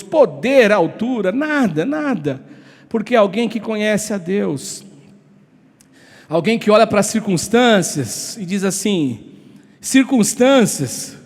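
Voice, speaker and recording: A man with a Brazilian Portuguese accent preaching a passionate sermon as pastor, repeating phrases and rising to shouts. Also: high voice, very animated, measured pace. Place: church hall. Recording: long hall reverb.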